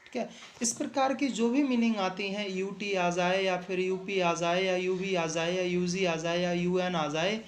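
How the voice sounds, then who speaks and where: A man's voice: high-pitched, fairly even intonation, normal speed, a little hiss or hum. A man teaching an online phonics lesson, patiently repeating points, asking questions and answering them himself, and calling his students "beta". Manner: calls students "beta" fondly.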